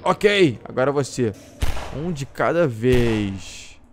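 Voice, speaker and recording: A man's voice: medium pitch, animated, takes it slowly. Brazilian guy doing lets play commentary, yelps and swears when startled, noisy mic. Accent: Brazilian Portuguese. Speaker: gameplay streamer.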